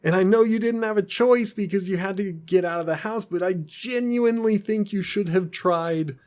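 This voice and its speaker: A man co-hosting a casual movie podcast, animated, his voice jumping up when he gets excited, laughing often. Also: high voice, normal speed. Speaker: podcast co-host.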